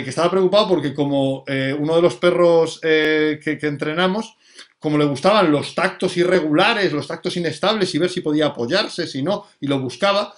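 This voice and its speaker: A man with a high-sitting voice, a dog trainer, explains things during a live talk and answers viewer questions. He often checks in with his listeners.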